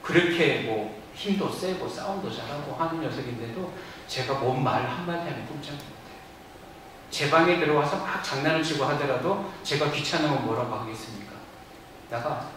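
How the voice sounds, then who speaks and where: A man pastor giving a lively sermon in a church, acting out quoted lines as he goes. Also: fairly high pitch, brisk, a little hiss or hum. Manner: animated preaching with acted-out quotes. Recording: echoey church sound from a distance.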